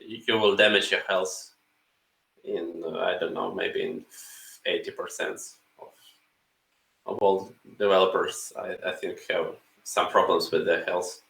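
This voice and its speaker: A man from Ukraine, in English, co-hosting a casual podcast and talking in a halting way with many fillers. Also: low voice, lively intonation, vocal fry, fairly bright tone, roomy sound, rough recording. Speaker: podcast co-host. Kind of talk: casual chat.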